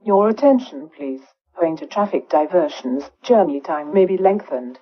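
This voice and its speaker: A woman reading slow, careful, formal bus announcements played over a PA system. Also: fairly low pitch, animated. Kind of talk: scripted public announcement. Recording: dull lo-fi PA playback.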